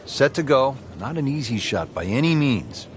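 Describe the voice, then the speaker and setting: A man doing golf play-by-play in a measured, understated broadcast commentator manner. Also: medium pitch, big pitch swings, a little hiss or hum, lightly acted.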